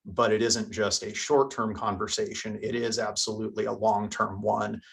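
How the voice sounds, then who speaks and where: A woman interviewed about school funding, speaking deliberately and earnestly. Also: a bass voice, creaky. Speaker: interviewee on education policy. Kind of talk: news interview soundbite.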